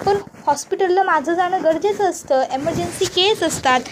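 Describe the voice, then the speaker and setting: A woman's voice: very high-pitched, moderate pace, a little hiss or hum. A woman voicing a busy young male doctor who placates his mother. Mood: placating.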